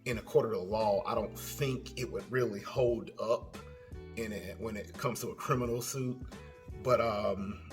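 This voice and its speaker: A man's voice: fairly low pitch, steady tone, unhurried, faint music behind. A man giving casual spoken commentary as a channel host, rambling and hesitant, full of fillers and restarts.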